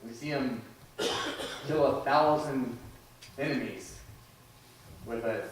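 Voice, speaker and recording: A man's voice: medium pitch, slow, a little hiss or hum. A man in his thirties preaching a sermon in a conversational way, with restarts and asides. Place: church sanctuary. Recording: echoey church hall, from far off.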